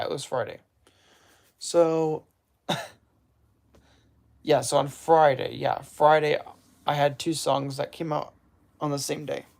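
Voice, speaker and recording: A man's voice: medium pitch, creaky, a little mellow. A man hosting a casual livestream, rambling and correcting himself as he reacts to chat. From United States. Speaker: livestream host.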